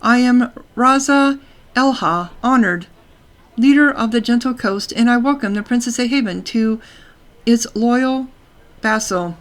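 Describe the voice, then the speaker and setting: A woman's voice: fairly high pitch, unhurried, natural voice. A woman voicing a matronly female ruler of a warrior land, speaking formally and with dignity. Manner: formal, stately speech.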